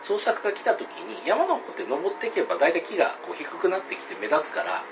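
A man telling a spooky story to a listener, hesitant with many fillers and pauses, acting out calls and voices loudly. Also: high-pitched, very animated, vocal fry, noisy background.

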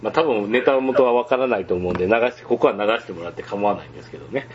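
Lively, rambling man. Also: fairly low pitch, rapid-fire, dull audio, background noise. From Hyogo, Japan. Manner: rambling, many fillers, chuckles often. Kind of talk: casual radio chat.

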